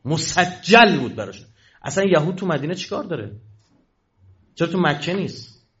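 Very animated, his slightly high voice pushed and bright, a man lectures an audience on religion. He raises questions and supplies the answers himself, captured on a dull, lo-fi recording.

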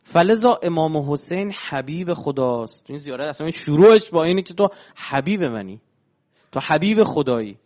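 A man's voice: on the high side, expressive, a little mellow, highs cut off. A man giving a religious lecture, explaining step by step and asking his listeners rhetorical questions.

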